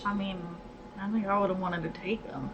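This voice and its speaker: A woman's voice: mid-range voice, normal speed. Woman grumbling through gameplay, lo-fi. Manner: muttering, reads card text aloud, grumbles at the game. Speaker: gaming channel host. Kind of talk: casual gameplay commentary. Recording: dull lo-fi sound with steady noise.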